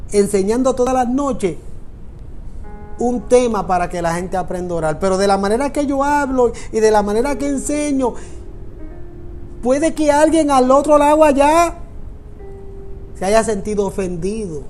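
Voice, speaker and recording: A man's voice: high voice, lively intonation, moderate pace, long pauses, a little mellow, soft background music. A man with a Puerto Rican Spanish accent, a pastor preaching a sermon in an earnest, repetitive way that speaks directly to listeners. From Puerto Rico. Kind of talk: sermon on prayer.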